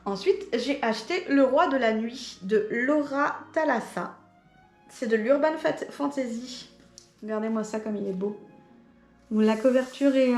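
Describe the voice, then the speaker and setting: A woman's voice: fairly high pitch, echoey room. A woman chatting casually about the books she bought, hesitating often with fillers. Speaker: book vlogger. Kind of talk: casual book haul chat.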